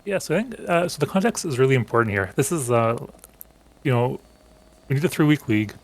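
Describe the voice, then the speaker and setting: A man who is a guest on a casual podcast, explaining eagerly and quickly with fillers. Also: medium pitch, very animated, poor audio.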